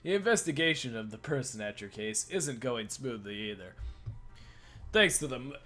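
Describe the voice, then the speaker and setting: A man's voice: mid-range voice, lively intonation, moderate pace, fairly bright tone, faint music behind. A man hosting a let's play, reading a visual novel aloud with sarcastic asides and frequent laughter.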